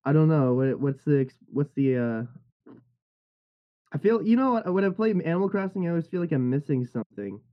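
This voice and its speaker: A man's voice: a little high, very animated, a little fast, muffled recording. A young man who does voice acting, chatting casually with friends in a rambling, jokey way full of fillers. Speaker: voice actor. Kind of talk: casual group chat.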